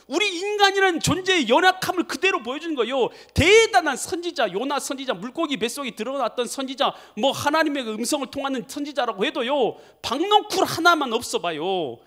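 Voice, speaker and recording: A male pastor preaching a sermon, telling the story vividly and acting out the dialogue. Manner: animated storytelling, acting out dialogue with big pitch swings.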